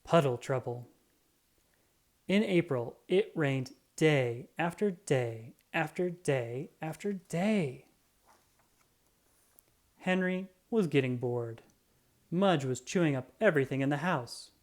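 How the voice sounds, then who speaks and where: A children's story is read aloud by a narrator whose voice is mid-range, delivered with deliberate, expressive storytelling.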